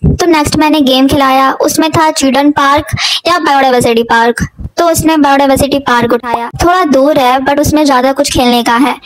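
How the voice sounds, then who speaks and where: A woman's voice: high-pitched, low-quality recording. A young woman narrating a family birthday vlog as a casual voice-over, chatty and doting, talking straight to her viewers. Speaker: vlogger, aunt narrating a child's birthday.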